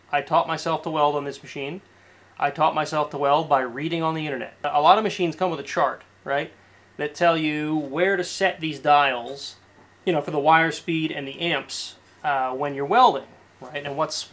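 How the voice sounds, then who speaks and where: Man in his 30s, casual workshop vlogger, slightly high voice, loose and chatty, garage. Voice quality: relaxed, chatty, with frequent fillers and restarts. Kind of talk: casual show-and-tell to camera. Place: cluttered garage workshop, indoors.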